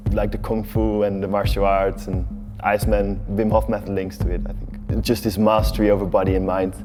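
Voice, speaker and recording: A man's voice: fairly low pitch, level tone, fairly quick, long reverb tail. Eager young Dutch-accented male participant, over music. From Netherlands. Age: 20s.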